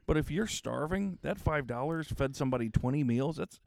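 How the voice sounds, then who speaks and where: Gravelly-voiced joking podcast co-host, a man. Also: on the high side, expressive, fairly quick, a little mellow, dry recording. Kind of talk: casual podcast chat.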